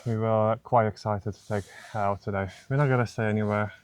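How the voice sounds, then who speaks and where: A man's voice: on the low side, fairly even intonation, brisk, a little mellow, a little hiss or hum. Easygoing man co-hosting a vlog. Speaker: vlogger co-host. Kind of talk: casual chat.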